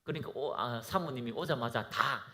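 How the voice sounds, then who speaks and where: A man's voice: mid-range voice, normal speed, gravelly, pushed and bright. A man preaching a fervent sermon as pastor of a church, exhorting and leading the congregation to recite aloud.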